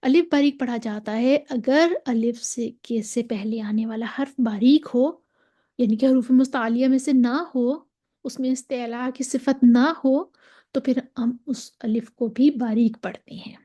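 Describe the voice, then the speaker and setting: A woman's voice: a little high, fairly even intonation, unhurried, mellow. A woman with a Pakistani Urdu accent teaching a tajweed lesson, patiently repeating and drawing out example syllables. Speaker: Quran recitation teacher.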